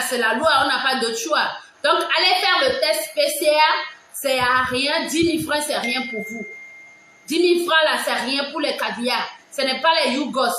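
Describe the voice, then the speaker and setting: Loud, high-pitched Togolese woman, casual commentary, very echoey room. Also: slight background noise. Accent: Togolese French. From Togo. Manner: loud, emphatic, repeats herself.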